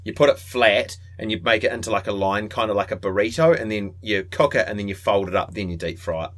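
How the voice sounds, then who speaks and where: A man's voice: on the low side, quick pace, fairly bright tone. A man co-hosting a podcast, chatting casually with wry teasing. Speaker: podcast co-host. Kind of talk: casual banter.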